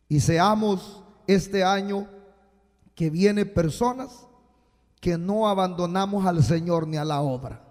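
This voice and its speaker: A man preaching a sermon as a pastor, slow and emphatic with sudden loud bursts, recorded live in a church. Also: high voice. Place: church sanctuary. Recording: live church hall with long reverb.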